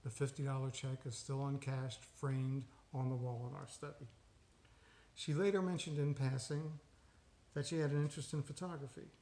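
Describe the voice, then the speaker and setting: Deadpan gravelly man roasting his wife. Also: medium pitch, moderate pace. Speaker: husband giving a birthday tribute. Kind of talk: deadpan roast turned heartfelt tribute.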